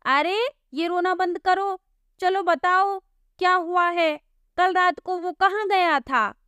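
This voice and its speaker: A woman's voice: very high-pitched, slow, pushed and bright, no room sound, studio quality, pitched above the performer's own voice, heavily acted. A woman voicing an impatient village police constable who scolds and questions people in a storybook tale. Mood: exasperated. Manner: scolding, exasperated. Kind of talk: storybook voice acting.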